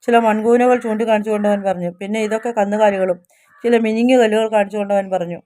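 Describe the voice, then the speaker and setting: A woman narrating a scripted devotional story in the first person, measured and steady. Her voice is mellow and soft, held in a flat, even line with little rise or fall. She stumbles and restarts a word now and then. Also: mid-range voice.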